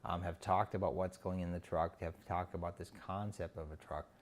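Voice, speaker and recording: This city community relations officer from North Dakota has a deep voice with fairly even intonation. His documentary interview answers come haltingly, broken by many pauses.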